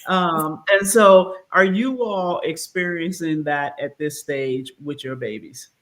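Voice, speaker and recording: A woman in her fifties hosting a casual talk show, lively and quick to laugh with playful asides. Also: low voice, low-quality recording. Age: 50s. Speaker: host. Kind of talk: casual chat.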